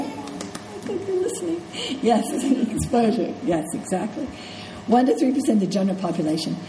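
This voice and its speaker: A warm, mid-range voice, congested, comes from a middle-aged woman teaching a nursing class in a relaxed, conversational way. She checks in with students using "okay?" and "right?" The echoey classroom has faint ambience and slight background noise.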